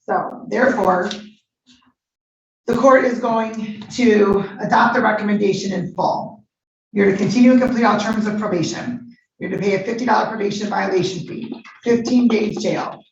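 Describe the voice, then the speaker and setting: Woman judge, firm and measured, gravelly, courtroom recording, distant echoey and muffled. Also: medium pitch. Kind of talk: formal court proceedings.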